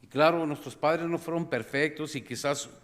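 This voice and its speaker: Animated preaching man in a reverberant church. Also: on the high side, moderate pace. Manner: animated preaching that acts out scenes with shouted cries; addresses the congregation as brothers and sisters. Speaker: pastor. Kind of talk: sermon. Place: church sanctuary. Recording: long reverb of a church hall.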